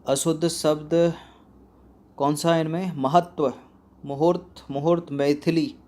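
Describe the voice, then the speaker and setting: A man with a fairly high voice talks through a spelling quiz for exam students. He says each option aloud, repeats words to check them, and keeps turning questions to the listener. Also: fairly even intonation, measured pace, darkish tone. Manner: quizzes the listener directly. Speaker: exam prep teacher.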